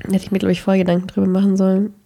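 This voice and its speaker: Soft-spoken hesitant woman co-host. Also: mid-range voice, monotone, racing, vocal fry. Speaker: podcast co-host. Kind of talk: casual chat.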